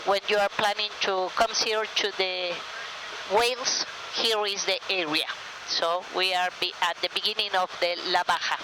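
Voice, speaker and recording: Speaking casually from the cockpit during a flight, a woman pilot with a Mexican accent explains what's going on. Her voice sits in the mid range, set against a noisy but clear cockpit drone.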